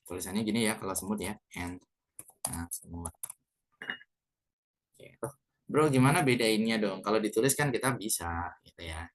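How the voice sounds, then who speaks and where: Slow Indonesian man teaching English. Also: lowish voice, fairly bright tone. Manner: slow, repeats words, mixes English into explanations. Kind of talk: beginner English lesson.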